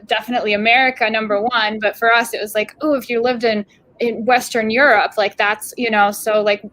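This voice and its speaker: A woman's voice: fairly high pitch, fairly even intonation, fairly quick, a bit bright. A woman from Bulgaria moderating a filmmaker Q&A, speaking hesitantly with many fillers. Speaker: festival Q&A moderator.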